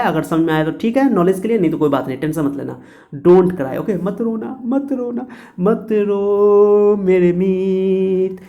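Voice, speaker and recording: Dark-voiced teacher, chatty and repetitive. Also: male voice, on the high side. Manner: chatty, repeats points, laughs at own jokes. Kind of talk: classroom physics lecture.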